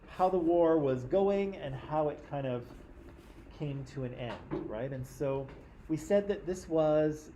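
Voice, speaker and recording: A man's voice: a little high, warm tone, a little hiss or hum, low-quality recording. A man teaching a history class in a classroom, talking conversationally and often checking in with "right?".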